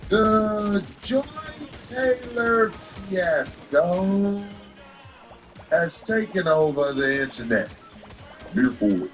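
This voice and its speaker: A man's voice: high voice, animated, extremely slow, faint music behind, poor audio. A man ranting casually, blunt and opinionated, arguing his point.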